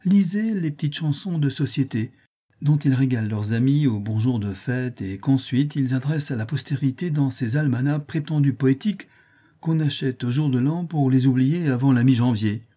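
A man's voice: medium pitch, mellow, husky, close to an everyday voice. A man voicing a witty young man disguised as a noble young lady, speaking with cool irony. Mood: ironic. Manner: cool, ironic, measured.

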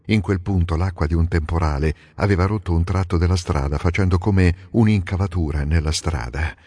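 A man reading a classic epic aloud as an audiobook, measured and expressive. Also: low voice, husky, no echo, studio quality, in a large hall. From Italy. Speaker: audiobook narrator. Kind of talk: dramatic audiobook narration.

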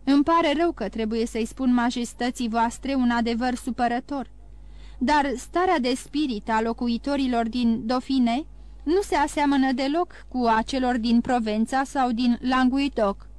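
A woman's voice: sits high, darkish tone, close to an everyday voice. A woman voicing a zealous young male magistrate who speaks carefully and respectfully to the king. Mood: deferential.

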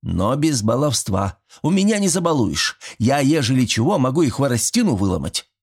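A man's voice: mid-range voice, expressive, normal speed, darkish tone, pitched above the performer's own voice. A man voicing a fussy, good-natured old village grandfather who talks in folksy rural speech, sighing and fretting. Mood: fretful. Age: older.

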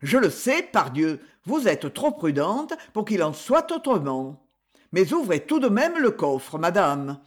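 A reader voicing a commanding, ironic gentleman in an audiobook, speaking crisply and with authority. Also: medium pitch, sing-song, measured pace. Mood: insistent. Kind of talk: audiobook character voice.

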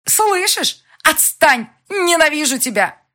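A woman's voice: sits high, very animated, moderate pace, husky, voice pushed up, full character voice. A woman reading an audiobook, voicing a furious, hysterical young woman who screams at the top of her voice. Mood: shrieking.

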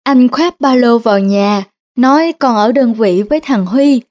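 A woman narrating a storybook tale in the first person. Her voice sits a little high, and she keeps a steady, plain reading tone. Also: unhurried.

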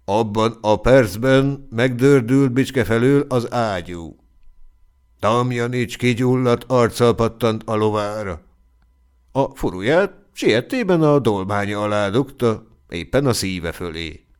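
A man narrating a classic short story for an audiobook, in a measured storytelling manner. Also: medium pitch, animated, clean tone. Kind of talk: scripted narration.

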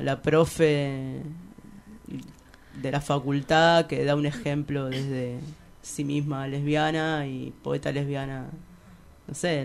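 Speaking in a low, creaky voice, this young woman from Argentina, a poet with a Rioplatense accent, gives a relaxed interview. She meanders, hesitates, uses slang, and giggles.

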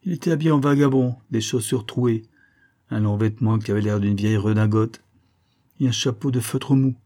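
A man's voice: on the low side, fairly quick, warm tone, lightly acted. A man reading a novel aloud and voicing a dying woman who confesses to a false testimony, anguished and pleading, repeating words in despair. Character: dying guilt-stricken woman, a former false witness. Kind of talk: audiobook reading.

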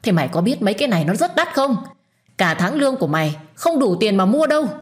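Woman doing a shrill scolding mother-in-law. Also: animated, normal speed, mellow, natural voice. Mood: furious. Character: sharp-tongued scornful middle-aged mother-in-law.

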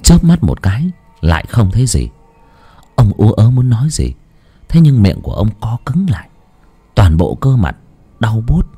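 Man narrating a lively horror tale. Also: lowish voice, normal speed, pauses often, breathy edge, faint music behind. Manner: dramatic, shifting pace for effect. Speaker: storyteller.

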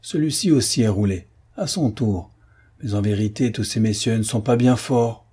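Sly, scheming old man in an audiobook who sneers and gives low, curt orders, voiced by a man with a low, dark and husky tone. He sounds cold and calculating. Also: moderate pace. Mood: sneering. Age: older. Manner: sneering, hushed and commanding.

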